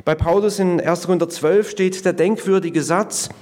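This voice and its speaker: Male pastor, sermon delivery, fairly high voice, earnest and deliberate emphasis. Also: fairly even intonation, a little mellow. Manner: earnest, measured preaching with slow emphatic stresses.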